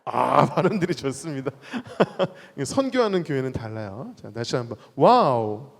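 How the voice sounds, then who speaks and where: A man's voice: medium pitch, normal speed, creaky. A man leading worship and preaching playfully in a church sanctuary, calling out to the congregation and acting out little quotes. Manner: animated, playful, exclaims and acts out quotes. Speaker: worship leader. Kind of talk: lively sermon with audience call-and-response. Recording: reverberant church hall.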